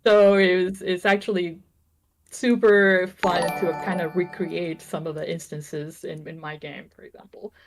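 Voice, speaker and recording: A woman's voice: on the low side, level tone, a little slow, music in the background. A woman in her thirties from Venezuela, a game developer chatting casually on a livestream, laughing often and joking about herself.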